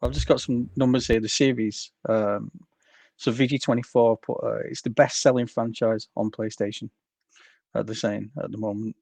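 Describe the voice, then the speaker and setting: A man's voice: lowish voice, little pitch movement, moderate pace, vocal fry, darkish tone, dry recording. A man with a European accent co-hosting a podcast, reading out figures hesitantly with fillers. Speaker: podcast co-host. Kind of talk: casual chat.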